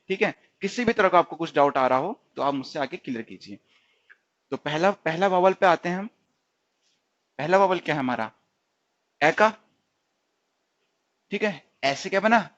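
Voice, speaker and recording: The voice is a little high and a bit bright as this man teaches stenography in a dull lo-fi recorded tutorial. He often repeats words, quizzes himself, and says "theek hai" again and again.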